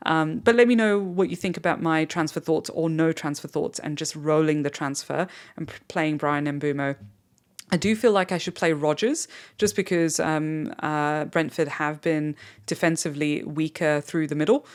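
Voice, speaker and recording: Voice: medium pitch, fairly even intonation, moderate pace, smooth. A fantasy football channel host rambling off the cuff, thinking aloud and talking straight to listeners in a solo podcast.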